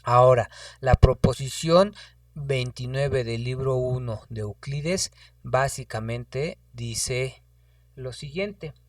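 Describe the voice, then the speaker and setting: A man's voice: medium pitch, slow, no echo, clean studio sound, far from the mic. A man teaching a geometry lesson at a board, thinking aloud and often restarting or correcting himself. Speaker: math teacher. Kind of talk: whiteboard geometry lecture.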